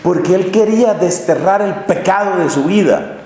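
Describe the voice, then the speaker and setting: Male preacher, higher-pitched, dramatic storyteller, long reverb of a church hall. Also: normal speed, a little mellow. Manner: dramatic storytelling with large swings in pitch and pace. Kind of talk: sermon.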